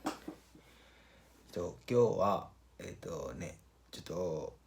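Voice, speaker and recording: Low-voiced man, casual vlogger. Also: gravelly, background noise. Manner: informal, halting, repeats phrases and address tags. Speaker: vlogger and cook. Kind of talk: casual vlogger presentation, switching between two languages.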